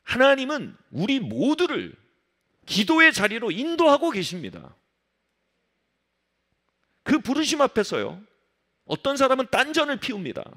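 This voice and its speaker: Man, pastor, sermon, high voice, very animated pitch, emphatic, low soft drops for stress. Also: unhurried, long pauses. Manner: acts out quoted voices of resisting people. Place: church sanctuary.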